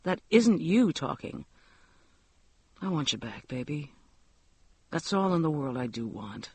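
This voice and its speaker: A man doing a tired, hushed husband. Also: on the high side, big pitch swings, a little slow, slightly rough, no room sound, heavily acted. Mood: tender. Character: tired, worried husband, gentle and pleading.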